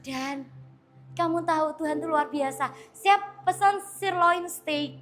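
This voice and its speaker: A woman's voice: high voice, slow. A woman pastor in her thirties giving a sermon with a personal testimony, telling it casually and acting out conversations. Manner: animated storytelling, acting out dialogue; casual, chatty.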